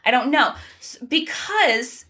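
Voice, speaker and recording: Bright-voiced woman recounting a true crime case. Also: high-pitched, animated, takes it slowly. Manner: conversational, reads case facts with asides and laughs. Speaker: podcast co-host telling a true crime case. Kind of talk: casual true crime chat.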